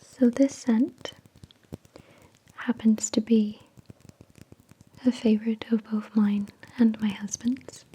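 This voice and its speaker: A woman hosting an ASMR product review in a soft, breathy whisper, with an unhurried, measured delivery. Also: fairly high pitch, steady tone, low-quality recording. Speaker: ASMR video host.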